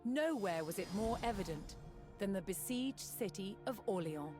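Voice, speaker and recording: A woman with an expressive, mid-range voice reads scripted historical documentary narration in a measured, dramatic storytelling style, pausing deliberately. It's a studio recording with music playing underneath.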